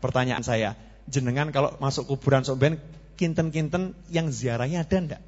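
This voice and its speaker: A man's voice: medium pitch, moderate pace, a little mellow, husky. A man with a Javanese accent preaching a sermon to a congregation, joking and asking the audience questions, slipping Javanese words into his talk. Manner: mixes Javanese into Indonesian. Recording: reverberant, dull lo-fi hall recording.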